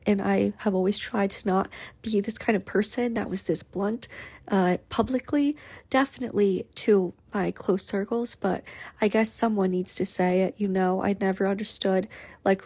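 A woman's voice: mid-range voice, fairly even intonation, moderate pace, darkish tone. A young woman in her twenties, a law student, chatting casually and emotionally, close to tears, rambling with many fillers and restarts. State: tearful. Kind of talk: casual chat.

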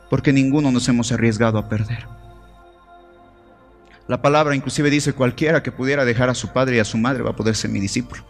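A man preaching a sermon, impassioned and exhorting, calling the congregation family, with faint music behind. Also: high voice. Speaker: pastor.

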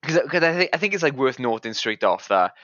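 A man's voice: medium pitch, very animated, brisk, fairly bright tone, no room sound, lo-fi sound. A man co-hosting a podcast in casual chat, thoughtful and hedging as he talks. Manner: thoughtful, hedging, chuckles often. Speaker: podcast co-host. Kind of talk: casual conversation.

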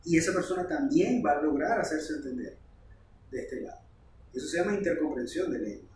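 Teacher, male, animated explainer, slightly high voice, recorded far off in a roomy space. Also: fairly quick, a little hiss or hum. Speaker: language teacher. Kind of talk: casual podcast conversation. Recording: roomy, distant mic.

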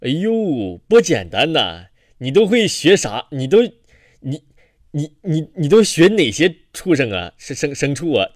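A man's voice: fairly high pitch, very animated, unhurried, no echo, clean studio sound. A man voicing a nosy, talkative old man who fires off stammering questions. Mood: excited.

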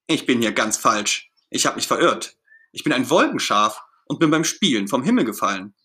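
A man voicing a shy, sad little lost cloud lamb in a storybook reading, speaking softly and timidly. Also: mid-range voice, animated, moderate pace. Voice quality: soft, fine, timid voice.

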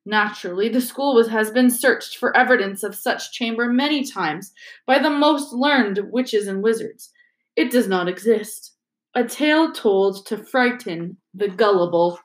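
A dry, reedy old professor's voice, lecturing in a flat, dismissive way and getting impatient with questions, as a woman reads the part. The voice sits fairly high, and the room is echoey. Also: unhurried, lightly acted. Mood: irritated. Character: old male ghost history teacher, dry and dismissive.

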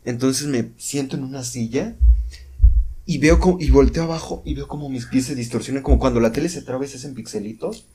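A young man tells a story in a casual podcast chat, full of sound effects and restarts. His voice is husky and dark, mellow rather than bright, and sits at an ordinary pitch for a man. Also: a little fast. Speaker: podcast co-host. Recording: home podcast recording.

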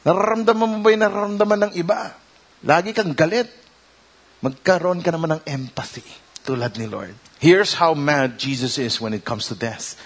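A man with a Filipino accent preaching a sermon, animated and emphatic, mixing English and Tagalog. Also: on the high side, fairly quick. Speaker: pastor.

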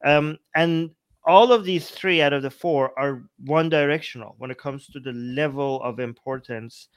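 A man's voice: fairly high pitch, normal speed, clear, resonant tone, no echo. A man co-hosting a casual live discussion, often interjecting and restarting his phrases as he goes. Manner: interjecting, stop-start with repeated phrases. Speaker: podcast co-host.

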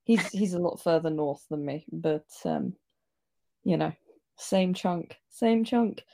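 Low-voiced woman chatting. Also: takes it slowly, creaky, mellow. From England. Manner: teasing, laughs often. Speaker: podcast co-host. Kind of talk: casual chat.

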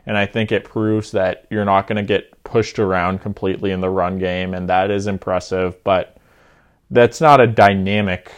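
Low-voiced young man weighing his picks. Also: steady tone, normal speed. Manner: thoughtful, hedging, restarts sentences. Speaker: podcast co-host. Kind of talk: casual sports betting chat.

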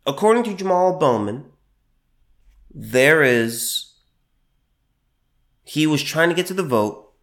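Fairly high in pitch, a little bright and expressive, the male host of a solo commentary podcast is feeling slightly off due to allergies. He pauses, repeats himself and leans heavily on fillers, easing his pace to underline key points.

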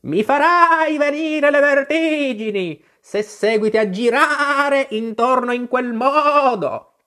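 Reader putting on a grumpy old sheep, high squeaky voice, slow drawn-out scolding, storybook reading. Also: bright, forceful tone, exaggerated voice. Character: grumpy old female sheep knitting in a boat.

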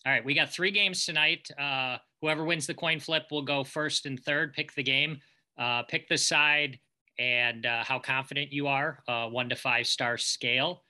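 A man's voice: medium pitch, fairly even intonation, unhurried, pushed and bright. A man hosting a podcast, asking short teasing questions in a casual chat. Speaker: podcast host.

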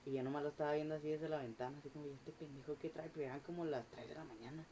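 A man, a podcast guest telling a story in animated, slangy, swearing casual chat. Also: fairly high pitch, racing, a little hiss or hum.

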